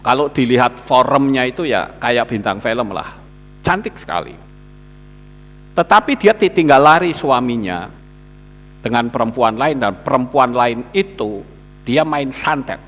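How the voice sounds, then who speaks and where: A male pastor with a Javanese accent delivering a storytelling sermon in an animated manner, acting out the people he describes. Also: medium pitch, a little slow. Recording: long hall reverb.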